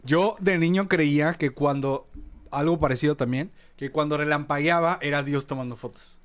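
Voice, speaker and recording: A man's voice: a little high, moderate pace. A man with a Mexican accent, co-hosting a podcast, joking casually and reading out viewer comments. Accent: Mexican Spanish. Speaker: podcast co-host.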